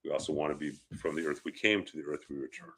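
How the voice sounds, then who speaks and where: Crowd noise surrounds a man with a bass voice who talks fast in a steady tone. Sniffling slightly from a head cold, the rabbi teaches about funeral customs in a relaxed lecture style, regularly checking in with brief questions.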